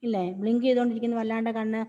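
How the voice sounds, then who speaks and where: A woman teaches an online class over a video call, walking pupils patiently through each step and repeating herself. Her voice sits a little high with a soft, mellow tone. The call audio sounds dull and lo-fi, with a long, hollow reverb. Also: completely flat delivery, rapid-fire.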